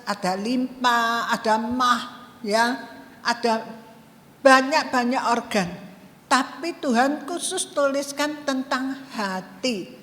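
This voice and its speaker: Slow, high-voiced older woman pastor. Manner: chatty, storytelling, mixes in local slang. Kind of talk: sermon. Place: large church hall. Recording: long church-hall reverb.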